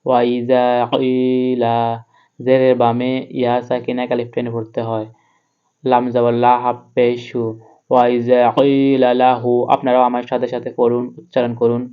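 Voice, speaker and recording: Male Quran tutor, flat and smooth delivery, slightly dull audio; spells letters, then chants. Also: medium pitch. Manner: spells out letters and vowel marks slowly, then chants the verse. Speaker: Quran reading teacher. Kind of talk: step-by-step spelling lesson.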